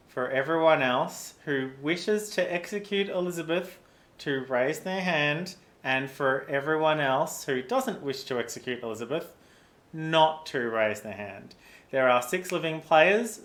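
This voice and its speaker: A low-pitched woman moderates a game with formal deliberation. She speaks slowly in an echoey room. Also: a bit bright.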